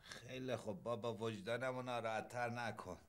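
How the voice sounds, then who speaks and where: A man's voice: medium pitch, steady tone, lightly acted. An actor playing a sulky middle-aged man recovering from surgery who complains about his food. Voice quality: whiny, complaining. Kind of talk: TV drama acting.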